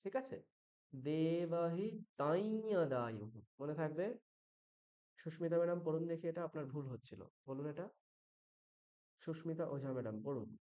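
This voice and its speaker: A man leads a chanting lesson in a slightly raised voice. He corrects students patiently and slows right down to demonstrate each syllable. The sound is muffled and lo-fi. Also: on the high side. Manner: patient, corrective, models pronunciation slowly. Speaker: Sanskrit chanting teacher. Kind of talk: online chanting class instruction.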